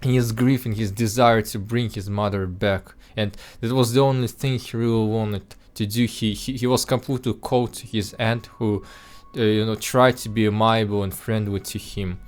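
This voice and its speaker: This is a casual spoken film review from a man whose first language isn't English; his accent sounds Russian to listeners. He has a fairly low, steady voice and a moderate pace with few pauses, though he's earnest and often restarts or uses filler words.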